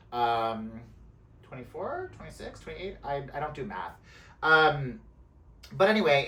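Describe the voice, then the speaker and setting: A man talking casually to his camera in a mid-range voice. His talk wanders, full of "um"s and little laughs as he loses his thread. Relaxed, unscripted vlog chat. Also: medium pitch. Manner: chatty, rambling, with many fillers and laughs. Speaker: knitting vlogger. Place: indoors, away from home.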